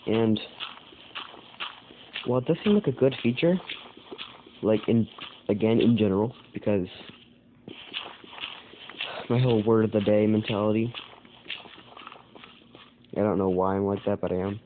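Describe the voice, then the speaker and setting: A man's voice: fairly low pitch, unhurried, pauses often. A man with an American accent, hosting his own channel, rambling through casual commentary with lots of fillers and self-corrections. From United States. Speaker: channel host. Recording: tinny phone-like sound with faint noise.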